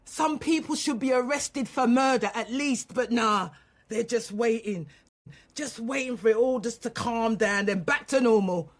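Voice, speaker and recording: In a naturalistic radio drama, an actress plays an angry, grieving mother being questioned by police. Her voice is a little high and her pace measured, and she sounds defiant and colloquial, ranting as she answers.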